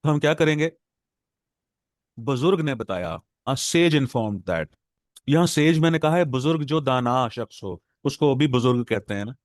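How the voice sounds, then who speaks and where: A man's voice: medium pitch, lively intonation, no echo, clean studio sound. Pakistani man teaching a class. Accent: Pakistani Urdu. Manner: explanatory, repeats words slowly to drill pronunciation. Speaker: English professor lecturing exam aspirants. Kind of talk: classroom lecture.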